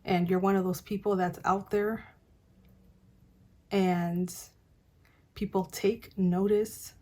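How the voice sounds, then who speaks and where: A woman's voice: mid-range voice, little pitch movement, takes it slowly, darkish tone. A woman giving a casual, encouraging tarot reading to camera, chatty with many fillers. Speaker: tarot reader.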